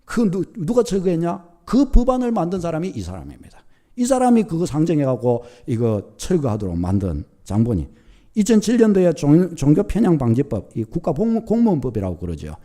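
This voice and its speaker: A middle-aged male pastor delivers a sermon in the manner of a storyteller, acting out the thoughts of the people in his story. His voice sits high and swings widely in pitch, yet its tone stays dark and mellow.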